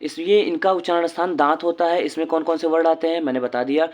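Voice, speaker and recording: Male tutor, fairly high voice, slow and deliberate, stretches out each sound when pronouncing. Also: fairly even intonation. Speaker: teacher. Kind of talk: explanatory lesson.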